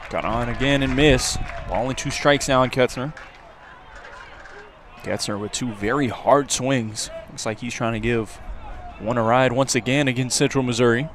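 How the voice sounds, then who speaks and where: A man does live radio play-by-play for a baseball game, with an outdoor ballpark crowd and ambient noise behind him. His voice is medium-pitched and a bit bright, at normal speed, and he pauses often.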